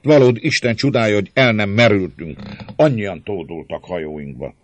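A man's voice: on the low side, lo-fi sound, pitched above the performer's own voice, close to an everyday voice. A man voicing a bold, jovial young male leader, speaking in a raised, hearty, declaiming voice in an audiobook. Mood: exasperated. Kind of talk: audiobook character voice.

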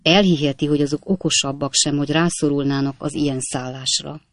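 A narrator voicing a cheerful, witty young manservant in an audiobook, chatting in a folksy, gravelly tone. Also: medium pitch, fairly even intonation, no room sound, studio quality, close to an everyday voice. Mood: lively, folksy.

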